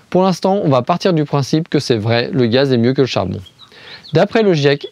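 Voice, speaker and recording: The host of this scripted explainer video is a man from France whose voice runs on the high side with a darkish tone and no echo. He raises questions and then answers them, advancing his argument step by step with ironic asides.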